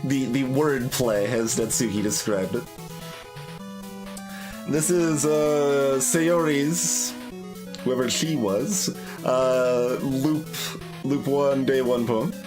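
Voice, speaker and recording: A man with a mid-range voice takes it slowly and pauses often, giving casual, analytical commentary on a game and reading poems aloud as he hesitates over his thoughts. He's a video game streamer doing a blind playthrough, with soft plucked guitar music in the background.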